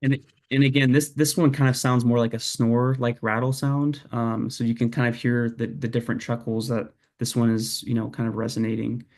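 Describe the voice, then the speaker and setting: A man's voice: mid-range voice, flat delivery, brisk, few pauses, darkish tone. A young man giving a casual, hesitant lecture over a video call, with many fillers and restarts. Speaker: presenter. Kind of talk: online lecture presentation.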